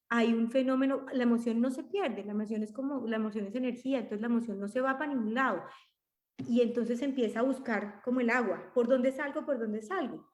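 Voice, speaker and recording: A woman's voice: a little high, a little mellow. Colombian woman with a roomy echo. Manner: talkative, reflective, many restarts. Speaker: podcast co-host. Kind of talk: casual conversational podcast.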